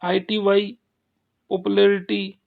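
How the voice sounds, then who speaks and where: A man talks through a grammar lesson at a very slow, deliberate pace. His voice has a gravelly edge, and he often pauses or restarts mid-sentence. The recording sounds dull and lo-fi. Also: sits high, level tone. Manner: slow, halting explanation with frequent restarts. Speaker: English teacher.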